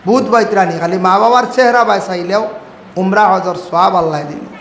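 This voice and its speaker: A man with a Sylheti Bengali accent preaching a sermon, half-chanting his lines and breaking into sudden high cries. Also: a little fast, fairly bright tone, roomy sound, slight background noise. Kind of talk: Islamic sermon.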